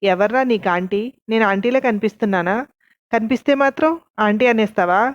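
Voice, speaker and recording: A woman narrator voicing a fierce, angry middle-aged neighbor woman who scolds loudly. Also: medium pitch, a little fast, no echo, muffled recording, lightly acted. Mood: scolding. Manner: loud, scolding.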